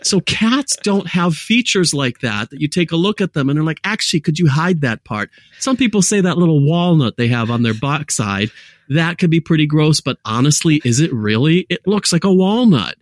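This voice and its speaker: A man's voice: a little high, expressive, normal speed, no echo, studio quality. A man with a mixed American accent, a guest telling rambling, jokey stories in a casual interview. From United States.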